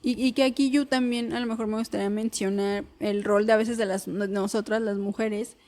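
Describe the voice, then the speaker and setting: A woman's voice: mid-range voice, fairly even intonation, fairly quick, mellow. A woman co-hosting a podcast, talking in a tentative, reflective way with many hedges. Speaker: podcast co-host. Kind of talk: conversational podcast chat.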